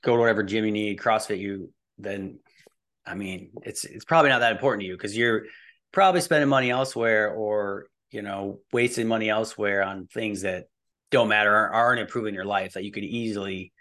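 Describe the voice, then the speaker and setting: With a fairly low, fairly bright voice and a fairly quick pace, this early-forties man speaks as a podcast guest. A fitness and nutrition coach, he keeps it casual and informal, rambling as he explains.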